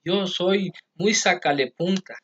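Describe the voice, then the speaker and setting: A brash, boastful apostle, as a preacher puts him on, loudly swearing loyalty in a swaggering, overeager way. The voice sits a touch high. The audio is a bit dull and lo-fi. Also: male voice, slow pace, full character voice.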